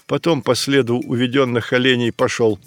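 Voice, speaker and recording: A man reading a folk tale aloud in a measured, plain storytelling manner. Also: medium pitch, little pitch movement. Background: soft music.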